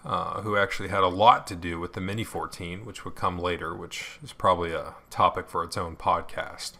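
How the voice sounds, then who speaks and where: A man with a fairly low voice and a bright, forceful edge hosts a solo podcast. He explains at length in a loose, conversational way, with fillers and side remarks along the way. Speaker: podcast host.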